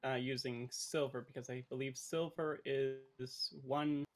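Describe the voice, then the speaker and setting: A man's voice: medium pitch, steady tone, unhurried. A man chatting casually as a player in a tabletop game, tentative and polite. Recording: faint background noise, clicks.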